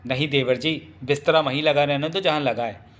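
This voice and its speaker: A woman's voice: low voice, normal speed, close to an everyday voice. A male narrator voicing a young wife who talks in a sugary, teasing, coaxing way in a storybook reading. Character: sweet-talking scheming young wife, teasing. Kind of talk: audiobook character voice.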